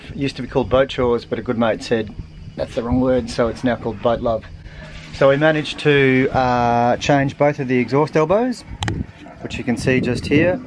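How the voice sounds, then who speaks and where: A man in his forties on a sailboat, talking through an engine repair at a relaxed pace with plenty of ums. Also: medium pitch, slight background noise. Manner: relaxed, matter-of-fact, hesitant with ums. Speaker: sailing vlogger. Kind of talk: casual how-to narration. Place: aboard a sailboat, engine bay and deck outdoors. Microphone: handheld action camera.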